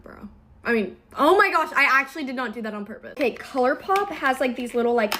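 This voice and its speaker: Chatty young woman, higher voice, filler-heavy. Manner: sings snippets of songs softly. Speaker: social media creator. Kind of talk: get-ready-with-me vlog chat. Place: bedroom vanity at home.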